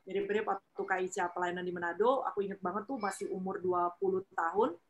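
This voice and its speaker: Lively woman giving faith talk. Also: mid-range voice, fast, dull audio. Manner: lively, acts out quoted voices, frequent tag questions.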